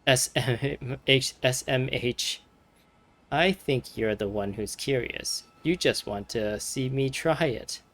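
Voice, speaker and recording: A woman giving casual, chatty commentary over a game playthrough, full of fillers and loud reactions. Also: a bass voice, slow. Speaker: gameplay commentator.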